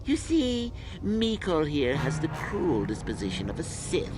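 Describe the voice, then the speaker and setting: An actor playing a mad, cruel old Sith scholar in a video game, delivering a theatrical, gleefully sinister villain monologue with mock courtesy. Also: male voice, a little high, huge pitch swings, measured pace, background noise. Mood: mock-courteous.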